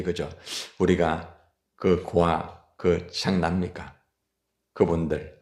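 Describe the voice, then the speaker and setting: A man's voice: low voice, vocal fry, a little mellow, echoey room. A man preaching as a pastor at an early-morning church service, emphatic and often putting questions to the congregation. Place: church sanctuary.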